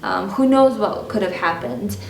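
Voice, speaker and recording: This style and mindset vlogger, a Russian-speaking woman from Ukraine, shares personal stories on camera, talking openly and using lots of fillers. Her medium-pitched voice is unhurried and creaky, and the distant mic catches slight background noise, room echo and music underneath.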